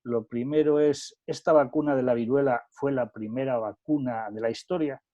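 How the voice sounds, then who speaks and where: A man's voice: mid-range voice, fairly even intonation, normal speed, dark tone, no room sound. A man from the audience asks casual, direct questions during an online question session. His line sounds dull and lo-fi, with a dry, close quality. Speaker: audience member asking questions.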